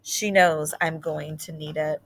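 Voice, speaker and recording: Reading a picture book with great expression, this woman uses a deep, steady voice that is a bit bright, over a little background hiss or hum. Her phrases are short and deliberate, broken by dramatic pauses and the odd aside.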